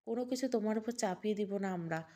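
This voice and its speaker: A woman voicing a gentle, caring father in an audio story, speaking slowly and quietly. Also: mid-range voice, close to an everyday voice. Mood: gentle, pleading. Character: gentle aging father, soft-spoken and caring.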